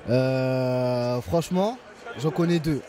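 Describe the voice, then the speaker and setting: A young male student answers a street interview hesitantly, with many pauses, outdoors with a handheld mic. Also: medium pitch, far from the mic, over music. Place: outdoors on a city campus.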